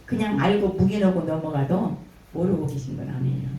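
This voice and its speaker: An older woman giving a spoken church testimony, telling her story with lively storytelling and acting out the words of others. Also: low voice, a little fast. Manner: animated storytelling, acting out quoted dialogue. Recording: echoey room from a distance, faint noise.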